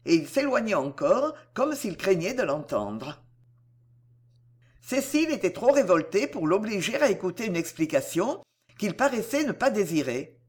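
A woman narrating a classic novel as an audiobook, in a measured literary reading. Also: medium pitch, sing-song, a little mellow, slightly rough.

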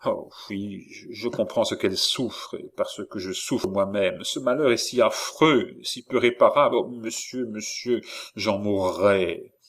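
A man's voice: fairly low pitch, measured pace. A man playing a grieving, hot-tempered young nobleman, speaking with agitated sorrow.

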